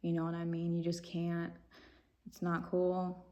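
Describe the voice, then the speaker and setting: A woman's voice: on the low side, completely flat delivery, a little slow, mellow, muffled recording. A young woman vlogger telling a personal story in a casual, rambling way, giggling nervously now and then.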